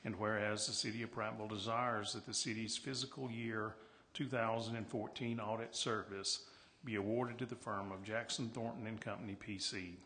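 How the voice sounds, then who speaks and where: Forceful man reading formally. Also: lowish voice, steady tone, moderate pace. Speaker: city councilor. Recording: reverberant hall, faint background noise.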